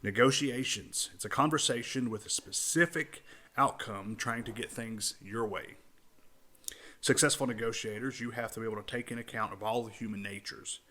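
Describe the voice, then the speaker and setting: A man's voice: medium pitch, moderate pace, bright, forceful tone. A man hosting a podcast, summing up a book in loose casual talk, with many fillers and restarts. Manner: loose, repetitive phrasing with frequent fillers and restarts. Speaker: podcast host.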